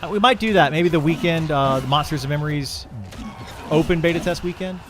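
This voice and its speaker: Speaking a little fast in a fairly high voice, a middle-aged video game streamer chats with viewers during a livestream. He is casual and a bit rambling, and background noise and ambience come through clearly.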